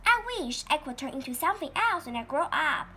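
A woman voicing an excited, eager young male pollywog in a read-aloud storybook, asking bouncy questions. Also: sits high, a little fast, a little hiss or hum, exaggerated voice.

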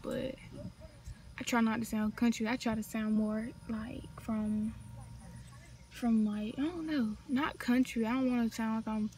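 A woman's voice: a little high, fairly even intonation, measured pace, darkish tone, slight background noise. A young woman in her late teens with a North Carolina accent, chatting casually and rambling into her phone outside, full of slang and side remarks. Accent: North Carolina Southern US. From North Carolina, USA. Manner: chatty, slangy, meandering asides. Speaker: vlogger. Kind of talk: casual rambling vlog chat. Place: outdoors, sitting outside. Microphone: phone camera.

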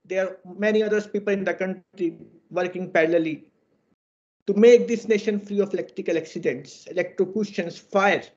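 Man, Indian English accent, high voice, earnest webinar presenter, screen-recorded video call, dull lo-fi sound. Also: darkish tone. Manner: earnest and exhorting, fond of idioms. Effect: screen-recorded video call audio. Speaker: webinar presenter on electrical safety.

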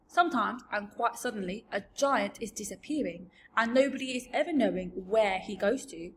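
A woman voicing a huge, very old, gentle male giant from a storybook, with mangled grammar and invented words. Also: medium pitch, moderate pace, a little hiss or hum, lightly acted. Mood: earnest, emphatic. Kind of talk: storybook character voice.

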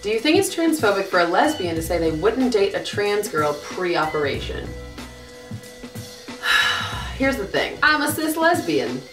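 A woman's voice: mid-range voice, sing-song, measured pace, long pauses, roomy sound, far from the mic, music in the background. A woman hosting a casual question-and-answer vlog, blunt and sarcastic, swearing freely. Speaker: vlogger.

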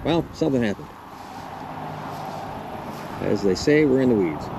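A man's voice: medium pitch, lively intonation, a little slow, gravelly, noisy background. A man in his fifties hosting a hot rod vlog, talking in a dry, self-deprecating way while he works in his garage and on the roadside. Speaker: hot rod builder and channel host. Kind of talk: casual workshop vlog narration.

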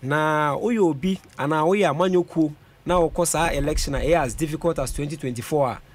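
A young Ghanaian man with a fairly high voice speaks a little fast. As a parliamentary aspirant in a radio studio interview, he alternates Twi and English and runs through vote figures into a boom-mounted studio mic.

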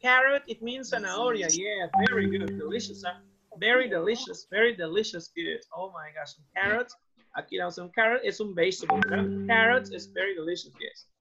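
A primary school English teacher with a Peruvian Spanish accent gives a bilingual lesson to young pupils, cheerfully moving between Spanish and English and repeating words. His voice sits high and moves at a moderate pace. The lo-fi, muffled recording has crowd noise in the background.

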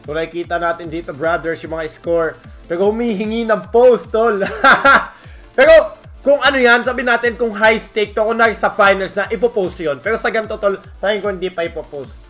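A Filipino man casting a mobile esports final, mixing Tagalog and English and bursting into shouts at big plays. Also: sits high, normal speed, soft background music. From Philippines. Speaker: esports caster. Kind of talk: excited play-by-play commentary.

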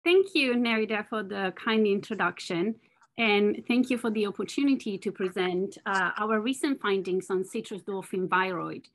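Woman researcher, academic talk, measured delivery, mid-pitched voice. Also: animated. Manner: measured, explanatory, with fillers. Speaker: scientist presenting research. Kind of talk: academic presentation.

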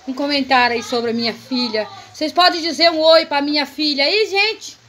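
Woman vlogger, highish voice, coos baby talk at puppies, chatty. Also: moderate pace, fairly bright tone, a little hiss or hum. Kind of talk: casual home vlog.

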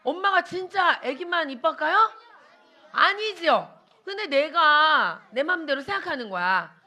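Young woman, children's sermon, high bright voice, lively questions to the kids, a few children heard in the room. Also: measured pace, a faint crowd. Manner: animated, talks to kids with questions and playacted quotes. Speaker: children's ministry preacher.

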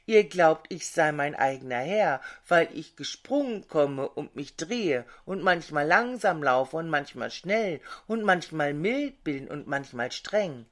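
A woman voicing a weary wind that serves the sun, in a calm, resigned way, slowly, in a fairy tale. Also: low voice.

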